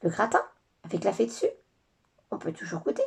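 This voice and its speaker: A woman voicing a fed-up father in a children's story, gruff and exasperated. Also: medium pitch, fairly quick, heavily acted. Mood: puzzled. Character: fed-up father turned kangaroo.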